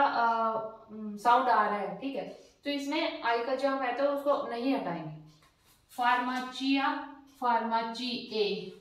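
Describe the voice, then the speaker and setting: A woman's voice: on the high side, distant mic. A woman teaching a language lesson, patiently repeating each example word. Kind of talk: explaining a lesson. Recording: very echoey room, voice off-mic.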